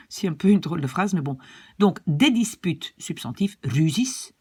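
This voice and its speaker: A woman's voice: lowish voice, lively intonation, unhurried, a little mellow, breathy edge. A woman teaching a language lesson, explaining patiently and checking in with "d'accord?".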